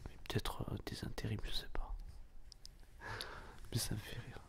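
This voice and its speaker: An ASMR video host, a man with a slightly bright voice at normal speed, whispers breathily and intimately to the listener in a casual, playful, teasing style.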